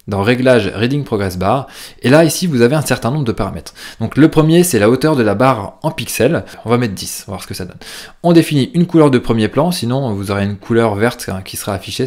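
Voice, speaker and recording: A man with a French accent hosting a casual software tutorial, chatty and full of fillers as he walks through settings. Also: fairly low pitch. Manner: chatty, lively, with frequent fillers. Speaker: host of a plugin tutorial show. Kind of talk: casual screen-share tutorial.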